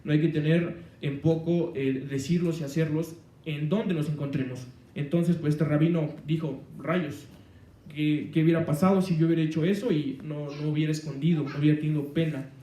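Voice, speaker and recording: A man's voice: fairly high pitch, steady tone, moderate pace, mellow, roomy sound, far from the mic. A man preaching a sermon on the weekly Torah portion, rambling, with many fillers and restarts.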